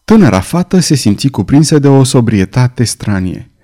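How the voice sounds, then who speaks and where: Male narrator, historical romance audiobook; measured and dramatic, mellow tone. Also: medium pitch, very animated. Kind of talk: scripted narration of a romance novel.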